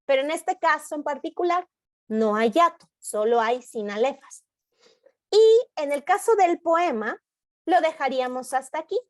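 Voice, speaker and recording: A woman teacher giving an online workshop lesson on poetry analysis over a video call, explaining patiently and reading poem lines aloud slowly. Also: sits high, lively intonation, no echo, clean studio sound.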